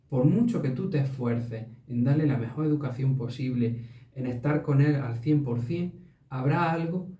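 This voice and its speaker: Thoughtful man, very dark voice. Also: medium pitch, distant mic. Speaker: podcast co-host, father. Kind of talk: casual reflective chat. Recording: roomy echo, off-mic.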